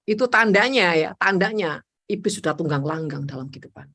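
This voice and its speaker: A woman evangelist preaching a sermon, emphatic and animated, acting out her own prayers. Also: on the low side, brisk.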